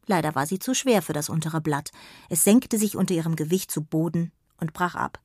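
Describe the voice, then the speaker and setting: A woman reads a children's story aloud in a fairly low, expressive voice. The sound is close and dry, with no room echo. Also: brisk. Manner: expressive reading, briefly voicing the characters. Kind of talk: scripted narration of a children's story.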